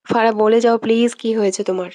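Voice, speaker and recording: A woman voicing a possessive young man who speaks softly and low but turns harsh and commanding when angry, in a romantic audio story. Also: steady tone, a little fast, close to an everyday voice. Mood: soft, coaxing. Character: stern possessive young man, tender yet quick-tempered. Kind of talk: scripted audio drama reading.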